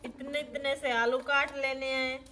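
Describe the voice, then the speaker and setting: A Pakistani woman in middle age, a village cooking vlogger, walks through a recipe step by step as she cooks outdoors in a brick-walled courtyard, homely and matter-of-fact, with frequent fillers. Her high voice is level, pushed and bright, a little slow, and there's slight background noise.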